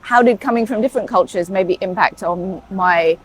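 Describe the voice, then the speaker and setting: The poor audio carries a little hiss or hum as a British-accented woman talks in a casual interview. She is a paediatric emergency consultant who grew up in Saudi Arabia, speaking at a medium pitch and normal speed. Her talk is chatty, talkative, and full of fillers and asides.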